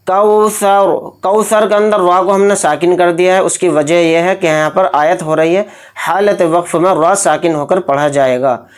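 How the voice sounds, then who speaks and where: A man's voice: sits high, clear, resonant tone. A man teaching Quran recitation with tajweed, patiently explaining each rule step by step. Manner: patient, explains rules step by step, then chants verses slowly. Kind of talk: tajweed lesson with slow drawn-out recitation.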